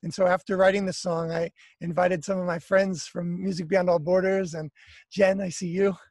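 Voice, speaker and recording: Gravelly-voiced American man on a video call. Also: high voice, normal speed, dry recording. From United States. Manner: relaxed, chatty, apologetic, many fillers. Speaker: guest speaker, musician. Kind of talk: casual video call chat. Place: outdoors by trees, garden. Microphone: laptop webcam on video call.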